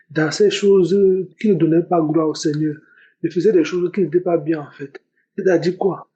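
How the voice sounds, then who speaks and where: A man's voice: sits high, warm tone, lo-fi sound. A young man giving a spoken religious testimony, earnest and repeating his words often. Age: young adult. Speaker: testimony giver.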